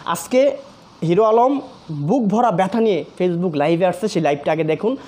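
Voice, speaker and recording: A man's voice: high voice, lively intonation, normal speed, warm tone. A man hosting a commentary video, speaking earnestly and appealing directly to his viewers, often repeating phrases for emphasis. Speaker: commentary channel host. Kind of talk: emotional social media commentary.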